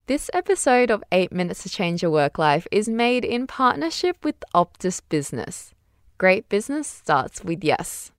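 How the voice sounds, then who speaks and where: A woman's voice: medium pitch, sing-song, moderate pace, no room sound. A woman hosting a podcast with scripted narration, giving tidy advice in an upbeat vlogger manner. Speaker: podcast host, productivity expert.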